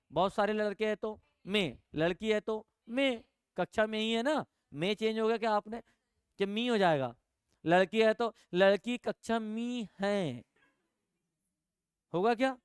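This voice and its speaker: A male teacher from giving a classroom grammar lesson, asking the class questions, answering them himself and repeating key words slowly. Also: high voice, clear, resonant tone, dry recording, studio quality.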